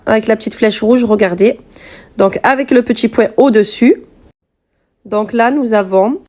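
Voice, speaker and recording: Woman teaching letter sounds, talks real slow and patient, a bit high, says each sound carefully. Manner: demonstrates sounds slowly and distinctly. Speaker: Quran reading teacher. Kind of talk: patient step-by-step lesson.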